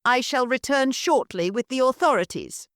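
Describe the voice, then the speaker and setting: A woman's voice: high-pitched, animated, normal speed, fairly bright tone, dry recording, clean studio sound, voice pushed up. A woman voicing a haughty, bossy social-climbing lady of the house who snaps out orders. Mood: haughty, snappish. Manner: snappish, bossy, prim.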